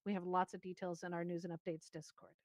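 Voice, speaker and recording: A woman's voice: lowish voice, level tone, quick pace, a little mellow, dry recording. A woman co-hosting a live-stream news show, chatty and enthusiastic. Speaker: co-host.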